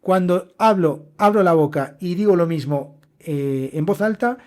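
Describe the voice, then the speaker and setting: A man's voice: high-pitched, unhurried, darkish tone. Chatty man teaching by podcast. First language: Spanish. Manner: chatty, repetitive, emphatic with frequent "¿vale?". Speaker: podcast host and Spanish teacher. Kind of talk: casual solo podcast lesson.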